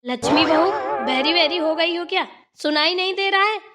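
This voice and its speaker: A woman voicing a scolding middle-aged village mother-in-law in a cartoon, sharp and nagging. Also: sits high, a little slow, soft background music. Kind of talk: cartoon voice acting.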